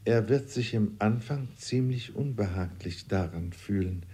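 A man's voice: fairly low pitch, measured pace, mellow, husky. Man doing a placid, indifferent mother.

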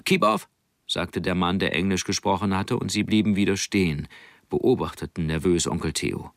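A man calmly reading an audiobook as narrator. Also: sits low, normal speed, no echo, clean studio sound.

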